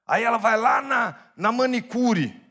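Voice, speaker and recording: Pastor guy preaching, high voice, goes from quiet to shouting, keeps quizzing the church. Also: expressive, unhurried. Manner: impassioned, swings from hushed to shouting; addresses congregation directly, asks questions. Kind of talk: sermon.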